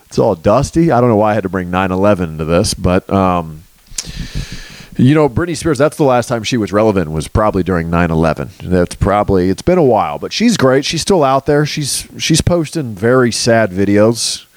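A man talks through a loose comedy monologue, jumping from one topic to the next with crude, sarcastic asides and plenty of swearing. His voice sits a little low. The recording is dry, with almost no room sound. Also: expressive, brisk, a little mellow, dry recording. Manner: jumps loosely between topics. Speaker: comedian and podcast host. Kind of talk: rambling comic monologue.

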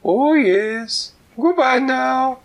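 A man doing a shrill falsetto goose cook. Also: extremely slow, vocal fry, heavily acted. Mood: chirpy. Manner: shrill falsetto, sing-song. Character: fussy high-voiced female goose cook.

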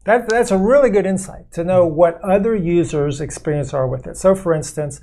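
A man co-hosting a podcast, giving measured explanations in a conversational way and sometimes acting out what callers say. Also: sits high, mellow. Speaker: podcast co-host explaining investing.

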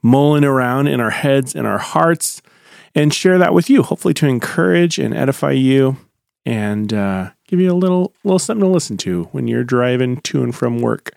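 A man hosting a church podcast in an informal chat, his voice gravelly as he gets over being sick. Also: medium pitch, expressive, normal speed, a little mellow, no echo, studio quality. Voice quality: gravelly from a recent illness. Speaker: podcast host. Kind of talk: casual conversational church podcast.

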